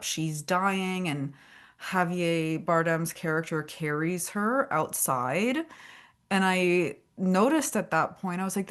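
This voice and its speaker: Low-voiced woman podcast host. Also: a bit bright. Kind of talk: casual interview conversation.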